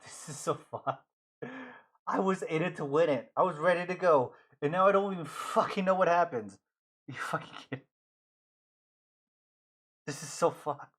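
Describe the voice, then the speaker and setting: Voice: medium pitch, moderate pace, long pauses, fairly bright tone. A livestreamer talking at home on a desk mic, swearing often and venting frustration in casual gaming-stream commentary. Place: indoors at home.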